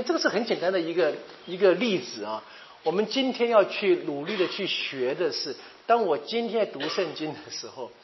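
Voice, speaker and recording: A man's voice: on the high side, dull audio, a little hiss or hum. A man giving a Bible study lecture, explaining verses and often asking his listeners questions. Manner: explanatory, asks the audience questions.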